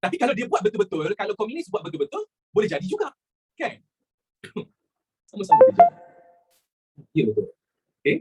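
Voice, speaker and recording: A man's voice: high voice, huge pitch swings, fast talker, long pauses, darkish tone, breathy edge. A man with a Malaysian Malay accent teaching a history lesson in a chatty way, asking rhetorical questions and repeating his phrases. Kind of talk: classroom lesson mixing in English words.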